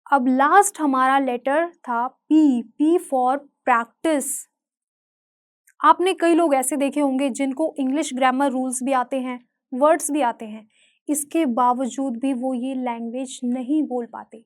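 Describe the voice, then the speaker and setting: Young indian woman teaching english, high voice, draws out the english words slow. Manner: slow, stressed English words spelled out letter by letter. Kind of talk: spoken English lesson.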